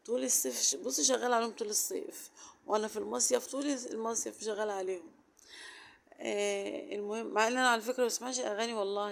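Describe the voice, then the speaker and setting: A woman with an Egyptian accent rattles along quickly through a casual home vlog. Her throat is sore, so her voice comes out strained and hoarse. She keeps up a rambling, chatty flow full of fillers. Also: mid-range voice, slight background noise. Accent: Egyptian Arabic. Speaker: home vlogger.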